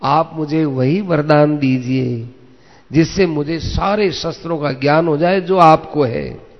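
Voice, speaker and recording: A devoted warrior prince with a hushed, reverent, pleading way of speaking, as a man puts him on. The voice is gravelly and slow, heard through a dull recording with a long echo. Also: fairly high pitch.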